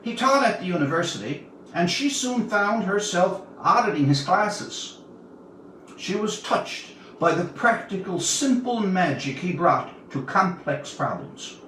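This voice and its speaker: With a high, fairly bright voice full of big pitch swings, a roughly seventy-year-old writer from Newfoundland reads and spins stories for viewers at a measured pace. It is an informal livestream, recorded on a distant mic with roomy echo and audible noise.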